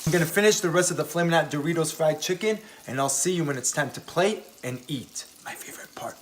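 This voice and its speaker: A man's voice: on the high side, fast talker, slight background noise. A man hosting a home cooking video, upbeat and enthusiastic, talking straight to his viewers from the kitchen. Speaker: cooking show host. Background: oil frying and sizzling.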